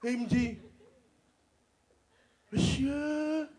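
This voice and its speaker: A man from the Congo doing loud, joking stand-up comedy on a TV stage, laughing through his lines. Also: very high voice, fairly even intonation, drawn-out words. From Democratic Republic of the Congo. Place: TV studio stage with a live audience.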